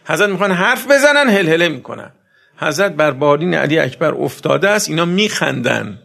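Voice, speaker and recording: A man preaching a sermon, swinging between loud emphatic outbursts and soft low passages, and asking his listeners questions directly. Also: big pitch swings, vocal fry. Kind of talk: religious sermon.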